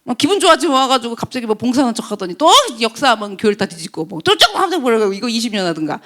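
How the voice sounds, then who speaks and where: A woman's voice: fairly high pitch, racing. A middle-aged woman pastor preaching a sermon, asking the congregation questions and acting out voices and sound effects. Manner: animated, acts out quoted voices and sound effects; asks the congregation rhetorical questions.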